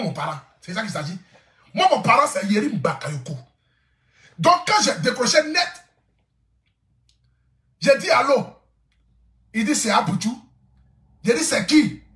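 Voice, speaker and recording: A man's voice: high voice, fairly bright tone, reverberant. A man telling a story to camera, laughing often and repeating lines for effect. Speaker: social media influencer.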